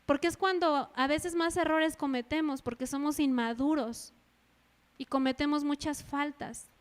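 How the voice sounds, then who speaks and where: A woman's voice: sits high, steady tone, normal speed, long reverb tail. A woman with a Mexican Spanish accent preaching a sermon in church, acting out the voices of God, a crying child and a worried mother. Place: church hall.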